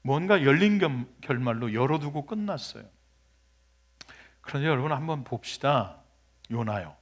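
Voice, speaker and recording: A male pastor preaching a sermon, retelling a story in a lively, conversational way and often putting questions to the congregation. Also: medium pitch, normal speed.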